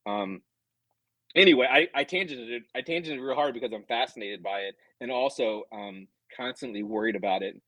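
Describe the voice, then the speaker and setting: A man's voice: mid-range voice, moderate pace, bright, forceful tone, no echo, poor audio. A middle-aged man, a comics writer guest, chatting casually and animatedly, drifting into tangents and acting out quoted customers. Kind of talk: casual chat.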